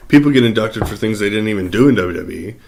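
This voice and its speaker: A man with a fairly low voice co-hosts a wrestling podcast. He talks in a laid-back, opinionated way and often trails off and starts his sentences again. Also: animated, fast, gravelly, darkish tone. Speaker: podcast co-host. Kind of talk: casual wrestling talk.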